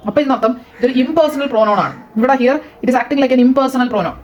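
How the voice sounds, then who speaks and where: A woman's voice: high voice, moderate pace, a little mellow, lo-fi sound, slight background noise. A woman with a Malayali accent teaching an English grammar lesson, asking questions and answering them herself.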